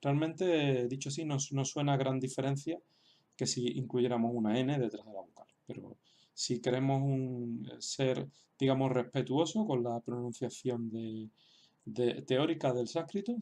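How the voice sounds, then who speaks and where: A man teaching a lesson over on-screen writing, speaking hesitantly with many fillers and repeated words, and sounding out example words slowly and carefully. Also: medium pitch, mellow. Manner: slow, careful example pronunciations.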